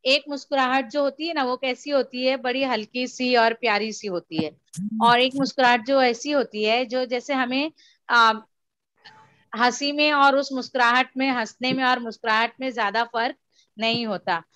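A woman's voice: sits high, fairly even intonation, moderate pace, fairly bright tone, smooth, no room sound, poor audio. A woman teacher explaining a story to a class, patiently repeating and mixing in English. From India. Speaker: school teacher.

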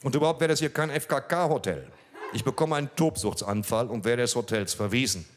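A middle-aged man doing deadpan stand-up, telling a story read from a page into a handheld mic on a small club stage, breaking off now and then to talk to the audience. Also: lowish voice. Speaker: comedian.

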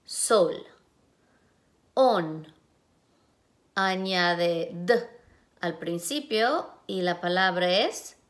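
A woman teacher leading a phonemic awareness lesson for young children, sounding out syllables slowly and clearly one phoneme at a time. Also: fairly low pitch, a little hiss or hum. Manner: slow, clear, drawn-out sound-by-sound pronunciation.

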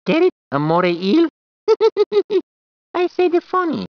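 Mario, a squealing jokey plumber. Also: male voice, very high voice, wildly swooping pitch, takes it slowly, no echo, heavily acted. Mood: playful. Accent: put-on Italian. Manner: exaggerated, playful, clowning with squeals and laughs. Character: cheerful plumber man, jokey, eager and bouncy. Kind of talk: video game voice clips. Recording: dull, dry game audio.

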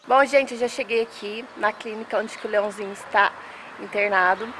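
A young woman talking straight to her viewers in a casual phone vlog, soft and sad. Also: mid-range voice, steady tone, fairly quick, a little hiss or hum. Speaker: vlogger.

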